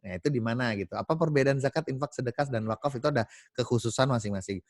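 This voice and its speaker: Animated man telling stories to colleagues. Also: mid-range voice, rapid-fire, no echo, studio quality. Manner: animated, many fillers and self-corrections. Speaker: team meeting speaker. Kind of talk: casual storytelling talk to colleagues.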